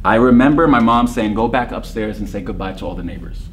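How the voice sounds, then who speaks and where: A man's voice: lowish voice, fast, a little hiss or hum. Joking Lebanese-born man telling stories. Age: 30s. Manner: jokey, storytelling, laughs often. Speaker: podcast guest. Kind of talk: casual interview chat.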